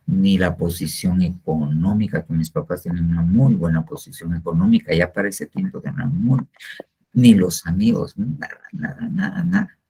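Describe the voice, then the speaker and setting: A man's voice: sits low, dark tone, breathy edge. An older man teaching a church discipleship class in a rambling, repetitive way, full of hesitant fillers. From Guatemala. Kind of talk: informal sermon teaching. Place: church class, not seen.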